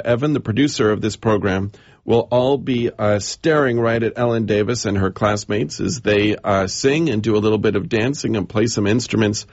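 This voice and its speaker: A man hosting a radio interview, speaking haltingly with many fillers. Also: on the low side, darkish tone, highs cut off.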